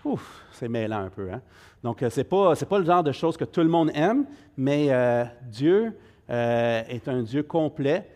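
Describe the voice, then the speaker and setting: A man's voice: medium pitch, expressive, a little slow, dark tone. A middle-aged man with a Québécois French accent leading an informal Bible study class, hesitant with many fillers and friendly asides to the group.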